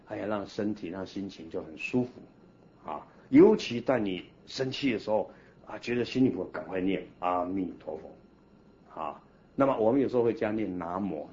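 A man, a Buddhist monk, teaching a class in an animated, coaxing way and leading the group in slow chanting. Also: sits low. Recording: dull lo-fi recording with faint hiss.

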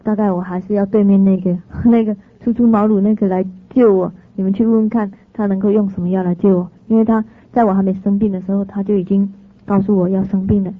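A woman's voice: medium pitch, little pitch movement, fast talker, narrow, tinny audio, natural voice. A woman voicing a sick old male physician who humbly asks for help. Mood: resigned.

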